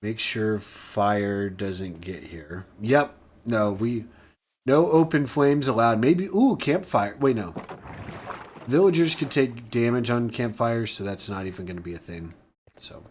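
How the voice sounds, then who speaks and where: A man's voice: fairly low pitch, expressive, a little slow, a little mellow, slight background noise. Goofy, chatty man narrating gameplay. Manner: chatty, goofy and self-mocking. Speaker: gaming channel host. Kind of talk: casual gameplay commentary.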